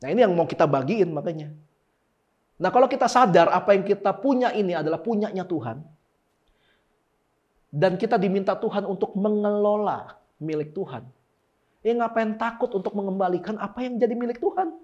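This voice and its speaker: A man preaching a casual, lively sermon and talking with members of the congregation. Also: sits high, a little fast, pauses often. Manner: lively, animated, talks with the congregation. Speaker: pastor. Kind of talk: casual sermon with live demonstration. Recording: dull lo-fi sound.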